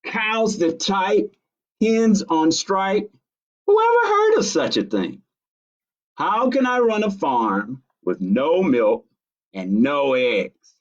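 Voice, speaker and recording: An exasperated storybook farmer, acted out by a man reading aloud, emphatic and scolding. He stretches his words slowly and his pitch swoops sharply with indignation. The audio is slightly dull. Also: big pitch swings, exaggerated voice. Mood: exasperated disbelief. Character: indignant, exasperated male farmer in a picture book.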